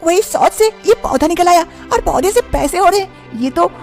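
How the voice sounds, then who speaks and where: A woman voicing a frightened young village daughter-in-law in an animated story, who frets and talks to herself aloud. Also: very high voice, normal speed, faint music behind. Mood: earnest.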